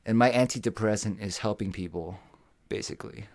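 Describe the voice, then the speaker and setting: A man co-hosting a podcast in casual chat, rambling and swearing freely as he thinks out loud. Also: on the low side, a little fast, no echo. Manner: rambling, profane, animated. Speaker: podcast co-host.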